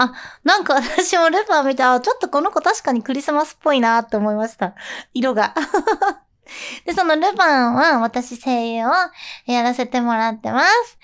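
A voice actress hosting a show, chatting casually and giggling often as she moves between polite and casual speech. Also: high voice. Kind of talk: casual chat.

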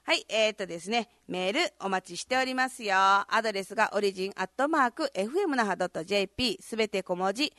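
Gravelly-voiced woman hosting live radio. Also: fairly high pitch, pushed and bright, no room sound, clean studio sound. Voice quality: gravelly, hoarse voice. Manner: chatty, addresses listeners. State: hoarse. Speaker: radio host. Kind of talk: casual live radio chat. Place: radio studio, live broadcast.

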